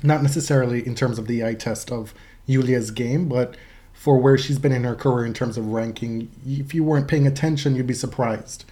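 Mellow-voiced man talking sports. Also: mid-range voice, fairly even intonation, brisk. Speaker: podcast co-host. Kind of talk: casual sports commentary.

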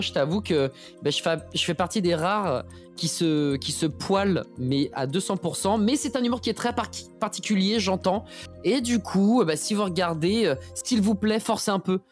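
A man co-hosting a podcast, chatting casually and enthusiastically, pleading with listeners and using a lot of slang. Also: high-pitched. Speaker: podcast co-host.

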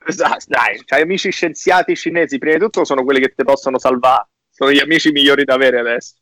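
A man's voice: mid-range voice, steady tone, fast, a bit bright, no echo. A man, chatting casually as a podcast host in an emphatic, slangy way with English words mixed in. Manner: emphatic, slangy, mixing English phrases into his talk. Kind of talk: casual chat, joking commentary.

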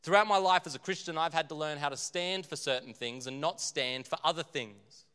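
A man's voice: fairly high pitch, fairly quick, bright, forceful tone, smooth. Jokey male pastor preaching in a hall. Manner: jokey, self-deprecating storyteller. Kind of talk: humorous sermon. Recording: long hall reverb, faint music.

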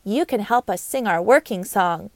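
Proud worker ant, voiced by a woman, loud and brisk, a bit gravelly. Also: mid-range voice, expressive, no room sound, natural voice. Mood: friendly. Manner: brisk and loud, matter-of-fact. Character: strong, proud female worker ant, busy and friendly.

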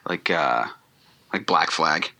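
A man guesting on a podcast, talking in a relaxed, rambling way with many ums and restarts. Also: extremely low pitch, slow pace. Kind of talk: casual interview chat.

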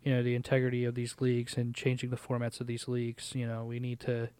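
A man's voice: mid-range voice, completely flat delivery, fast, warm tone, clean tone, no echo. A young man co-hosting a sports podcast, speaking casually and emphatically, often repeating words as he thinks. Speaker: podcast co-host.

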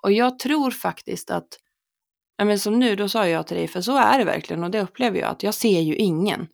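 Gravelly-voiced woman chatting. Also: mid-range voice. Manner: reflective, earnest, mimics exchanges in dialogue. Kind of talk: casual chat.

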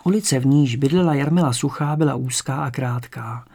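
Gravelly male audiobook narrator. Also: mid-range voice. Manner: calm, measured storytelling.

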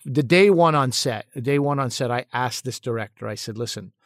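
A male actor and comedian answers interview questions thoughtfully, often restarting and repeating words. His voice is medium-pitched and brisk, recorded in studio quality with no room sound.

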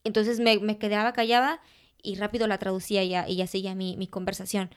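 A Mexican woman co-hosting a podcast in casual, animated chat, laughing often. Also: medium pitch, quick pace, clean tone. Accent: Mexican Spanish. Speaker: podcast co-host.

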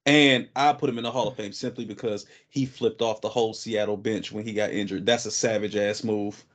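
Male co-host, lowish voice, animated and quick to change subjects. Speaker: podcast co-host. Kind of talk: casual chat.

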